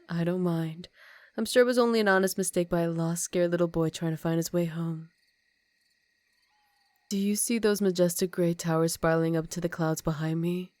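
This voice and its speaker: A woman playing an ancient, aristocratic vampire countess in an intimate ASMR roleplay, speaking softly and formally with a teasing, condescending manner and some whispered phrases. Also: on the low side, no echo, lightly acted. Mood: coyly reassuring.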